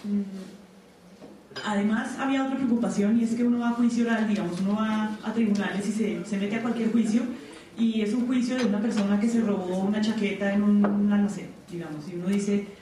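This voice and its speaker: A woman giving a seminar presentation, explaining in a conversational way with frequent pauses and "eh" fillers. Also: mid-range voice, steady tone, mellow, distant mic. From Colombia. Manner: explanatory, conversational, often pausing with "eh". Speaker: panel presenter. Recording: echoey hall recording from afar, faint noise.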